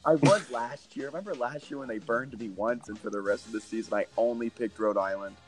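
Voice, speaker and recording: A man's voice: medium pitch, fairly quick, soft background music. A man co-hosting a casual sports podcast, chatty and laughing often, drifting into side tangents. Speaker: podcast co-host. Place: lives in Hoboken, New Jersey.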